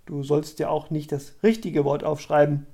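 A reader voicing an ancient, blind male star researcher who gently urges a girl on, in a storybook reading. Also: mid-range voice, moderate pace, lightly acted. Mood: coaxing.

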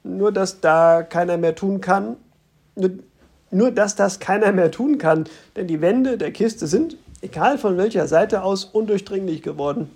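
A narrator voicing a calm, patient man who explains things steadily, in an audiobook reading. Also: medium pitch, measured pace, slightly rough. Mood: explaining.

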